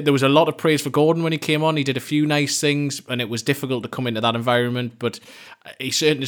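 A man talking through a football match as a pundit, thinking aloud and rephrasing as he goes. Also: medium pitch. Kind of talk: casual football analysis.

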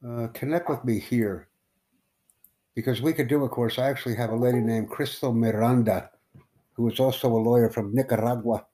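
Hosting a live stream, a man from the United States talks with strangers in a loose, rambling way, stopping and starting and leaning on fillers. He has a mid-range voice with a dark tone.

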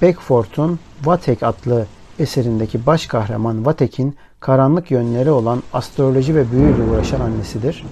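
A man tells a dark first-person tale in a steady, serious reading voice. His pitch sits in an ordinary middle range. Steady rain and rolling thunder play clearly beneath his words. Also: noisy background. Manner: measured, grave first-person storytelling. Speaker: audiobook narrator. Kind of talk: scripted literary narration. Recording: rain and thunder ambience under voice. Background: rain and thunderstorm sound bed.

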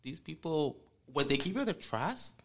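Earnest Salvadoran man, higher voice. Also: very animated, vocal fry. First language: Spanish. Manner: earnest, halting, with frequent restarts. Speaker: guest. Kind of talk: casual podcast conversation.

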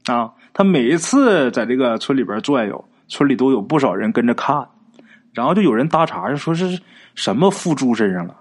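A male storyteller spins a folk ghost story. His colloquial, chatty delivery speaks straight to the audience, and his husky voice sits at a middle pitch. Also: animated, a little fast. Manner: chatty, colloquial, addresses listeners directly.

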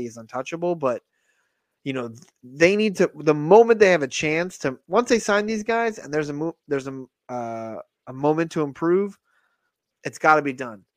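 Guy joking around about players on a podcast, kinda high voice, dead dry mic. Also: no echo. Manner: rambling, jokey. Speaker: podcast co-host. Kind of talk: casual sports podcast chat.

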